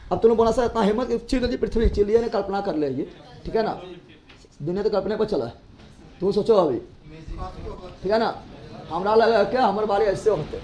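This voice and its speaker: A male teacher giving a geography lesson, drilling students with repeated questions and joking scolds. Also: very high voice.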